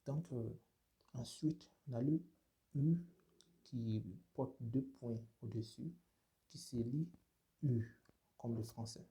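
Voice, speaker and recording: A man teaching a language lesson, saying each sound slowly and asking listeners to repeat, with many hesitant fillers. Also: mid-range voice, warm tone. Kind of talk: slow spoken language lesson.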